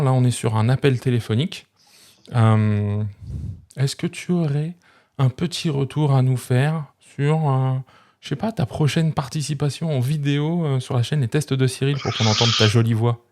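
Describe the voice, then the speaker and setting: A man of medium pitch with a slightly mellow voice talks at a normal speed while demonstrating products on camera for his tech review channel, keeping his explanations casual and conversational as he addresses viewers directly.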